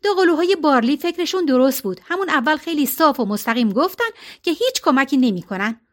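A woman narrator voicing a sharp-tongued woman at a funeral, blunt and complaining, in a storybook reading. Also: sits high, big pitch swings. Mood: grumbling.

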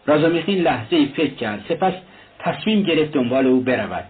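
A man reading a novel aloud in a steady, literary narration. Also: fairly high pitch. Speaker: audiobook narrator. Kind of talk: scripted narration. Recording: tinny lo-fi recording, faint hiss.

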